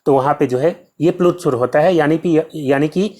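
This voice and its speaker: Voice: mid-range voice, fairly quick, a little mellow. A Hindi teacher talks through an exam-prep lesson in a mid-range voice. The teacher drills each point by asking a question and then answering it. Nearly every sentence carries the filler "जो है". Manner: heavy use of filler "जो है".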